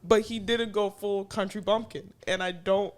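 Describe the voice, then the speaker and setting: A teenage girl co-hosts a casual chat at home, talking in an animated way and acting out quotes. She is from the Chicago area and fills her sentences with fillers. Her pitch sits in the middle. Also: normal speed. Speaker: co-host.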